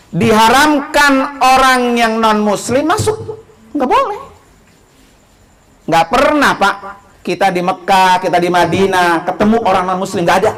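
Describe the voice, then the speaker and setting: Man; informal religious talk; animated, answers his own questions. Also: high-pitched, poor audio. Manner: animated, asks the listeners questions and answers them himself. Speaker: religious speaker.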